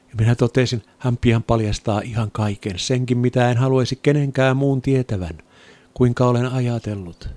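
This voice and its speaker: A man giving an earnest, reflective spoken testimony of faith, sometimes dropping to a soft near-whisper. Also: medium pitch, no echo. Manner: earnest, reflective storytelling with quoted inner thoughts.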